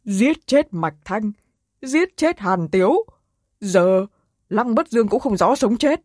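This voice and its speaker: A man's voice: high-pitched, animated, takes it slowly, no echo, full character voice. A man voicing a shaken middle-aged sect master in an audiobook, speaking in agitated exclamations over a dry, close sound. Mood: disbelieving. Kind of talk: audiobook character reading.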